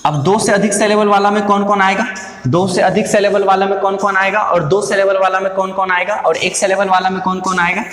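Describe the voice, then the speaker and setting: A man teaching a grammar lesson, posing questions to his students, answering them himself and repeating key words slowly. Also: sits high, flat delivery, fairly bright tone. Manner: calls listeners "dear" and "my brother". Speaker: English teacher. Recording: echoey room with long reverb.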